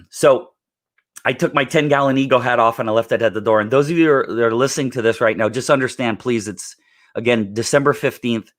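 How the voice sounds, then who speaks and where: Throat-clearing punctuates a fairly quick, emphatic live training on real estate networking, led by a middle-aged man whose mid-range voice is raspy from recent illness.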